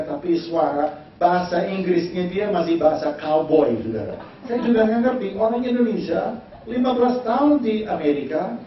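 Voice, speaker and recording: A male pastor preaching a sermon, telling a story with lively voice play. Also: fairly high pitch, a little hiss or hum. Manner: animated storytelling, mixing Indonesian and English, acting out voices. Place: church hall. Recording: echoey church hall, mic far off, dull sound.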